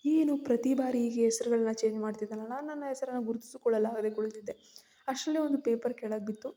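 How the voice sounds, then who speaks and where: Female storyteller, tense and fearful first-person narration, soft dark tone. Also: a little high, quick pace.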